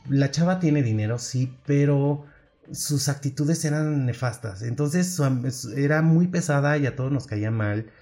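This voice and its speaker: A young Mexican man casually telling stories about bad bosses, animated, with mocking high voices for the bosses. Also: moderate pace. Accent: Mexican Spanish. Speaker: social media manager. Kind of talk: casual storytelling rant.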